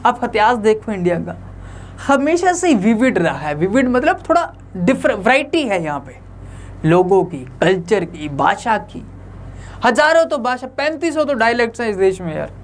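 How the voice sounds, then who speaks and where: High-voiced man teaching a casual lecture. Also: big pitch swings, normal speed, slight background noise. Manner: conversational, asks the viewers rhetorical questions. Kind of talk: explanatory online lecture.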